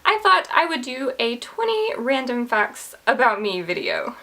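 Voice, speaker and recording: Chatty woman in her twenties, a touch high. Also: big pitch swings, unhurried, sharp tone. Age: 20s. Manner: chatty, candid, self-deprecating. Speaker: book vlogger. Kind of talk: casual talk to camera.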